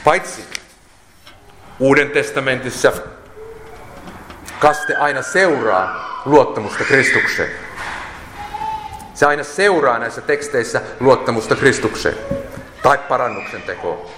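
A man's voice: medium pitch, expressive, pauses often. Man preaching in an echoey hall. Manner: emphatic, lists points and quotes scripture. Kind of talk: sermon. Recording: echoey hall with long reverb.

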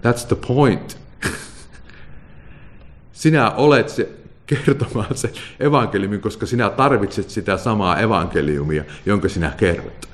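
A man preaching a sermon, asking his listeners rhetorical questions and laughing now and then as he explains. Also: on the low side.

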